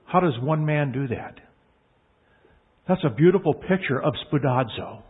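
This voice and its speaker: A man's voice: fairly high pitch, husky. A man preaching a sermon in an earnest, emphatic way, leaning hard on key words. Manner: earnest, emphatic, drawn-out stresses. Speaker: pastor. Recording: tinny phone-like line.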